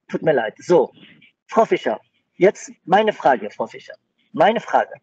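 A man who takes over a phone call as the boss, soothing and placating the caller while repeating her name again and again. His voice is husky and fairly high, and the recording is dry and dull. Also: a little mellow, no echo.

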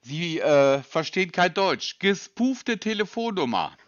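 A man's voice: high-pitched, very animated, unhurried, no room sound. A man on a phone call, questioning a sales agent insistently and with sarcasm. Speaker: person being called by a sales agent.

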